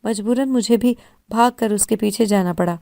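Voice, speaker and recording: A woman narrating a first-person moral story in a steady, scripted reading on a close mic. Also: mid-range voice, vocal fry, dry recording.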